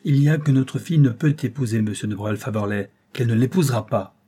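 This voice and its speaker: A man's voice: mid-range voice, fast talker, dark tone, husky, natural voice. A man reading an audiobook, voicing an enraged, guilt-torn aristocratic count who speaks with vehement, bitter anguish. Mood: furious.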